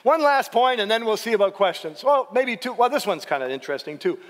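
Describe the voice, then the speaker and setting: A middle-aged man with a high, light voice gives a relaxed Bible lecture to a church class. He talks in an animated way, keeps asking "right?" and voices the lines he quotes. The sound rings with the long reverb of a church hall. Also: quick pace. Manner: animated, frequent "right?" checks, acts out quotes. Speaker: seminary professor teaching a class series.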